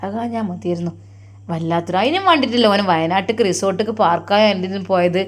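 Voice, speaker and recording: A woman's voice: medium pitch, fast, voice pushed down, close to an everyday voice. A woman playing a grumbling, fretful mother with a Malappuram accent. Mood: worried. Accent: Malappuram Malayalam. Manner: complaining, fretful. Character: anxious grumbling middle-aged mother.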